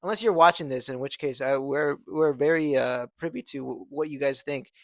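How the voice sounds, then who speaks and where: A man's voice: mid-range voice, brisk, no room sound, studio quality. A young man co-hosting a podcast, rambling casually with many restarts. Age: young adult. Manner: rambling, full of fillers and restarts. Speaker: podcast co-host. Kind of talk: casual chat.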